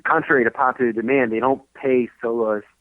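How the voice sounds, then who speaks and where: A man's voice: medium pitch, steady tone, fairly quick, dry recording. A man in his thirties telling his story as a podcast guest, rambling with many fillers and restarts. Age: 30s. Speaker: guest musician. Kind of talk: casual podcast interview. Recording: tinny phone-line sound.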